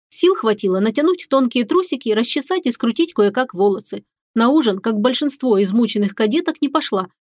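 A woman's voice: on the high side, darkish tone, no echo. Woman narrating an audiobook, dry and close. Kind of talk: first-person audiobook narration.

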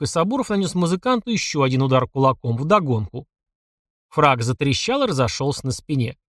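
A man reading a story aloud in expressive scripted narration. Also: fairly high pitch, dry recording, studio quality. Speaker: audiobook narrator.

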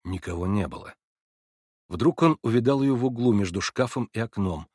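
A man narrating a literary audiobook in a measured, expressive way. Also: fairly low pitch, dry recording, studio quality.

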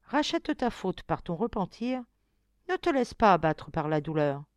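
A woman's voice: on the low side, big pitch swings, unhurried, no room sound. A woman voicing an unseen magical voice in an audiobook, solemn and encouraging, near her own tone. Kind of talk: audiobook reading.

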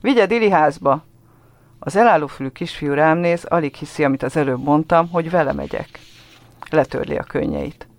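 A man reading literary prose aloud on a radio show in a measured, calm storytelling manner. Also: a little high, creaky, no echo.

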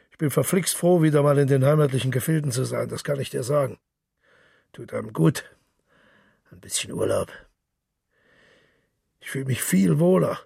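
A man voicing a boisterous, hard-drinking middle-aged male journalist, loud and boastful, with a gravelly, raspy voice. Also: medium pitch, dry recording, studio quality, full character voice.

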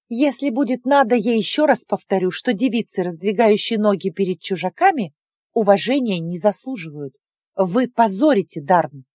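A woman's voice: mid-range voice, darkish tone, no echo, studio quality, natural voice. A woman voicing a strict, moralizing female manager in an audiobook, with a clipped, lecturing manner. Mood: indignant. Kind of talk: audiobook character voice.

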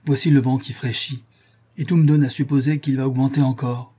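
A man's voice: medium pitch, little pitch movement, brisk, dark tone, husky, pitched above the performer's own voice, close to an everyday voice. A man voicing a resolute ship captain rallying his crew in a storybook reading. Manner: firm, rallying.

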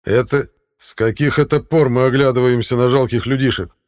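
A man's voice: mid-range voice, fast talker, darkish tone, voice pushed up, lightly acted. A man doing a proud, menacing fairy warrior. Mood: indignant. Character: proud red-haired male fairy warrior, touchy.

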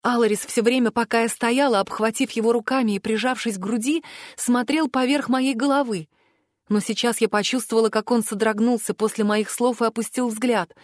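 A woman with a fairly high voice reads a novel aloud in the first person, expressive and steady. The sound is dry and close. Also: brisk, no room sound. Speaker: audiobook narrator. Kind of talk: scripted narration.

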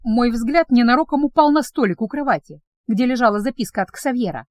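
A woman's voice: fairly high pitch, expressive, fairly quick, darkish tone, no echo. A woman narrating a novel in the first person as an audiobook reader, in an intimate, tense storytelling manner, close to the microphone.

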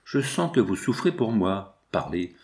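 A man's voice: lowish voice, sing-song, measured pace, a little mellow. An anxious noble lady urgently implores a prince to explain his grief, voiced by a man. Her questions come tense and pleading, in a storybook reading. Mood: imploring.

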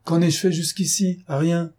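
A man's voice: a little high, little pitch movement, measured pace, dark tone, pitched above the performer's own voice. A man reading an audiobook voices a weak-willed young man who pleads anxiously. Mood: despairing.

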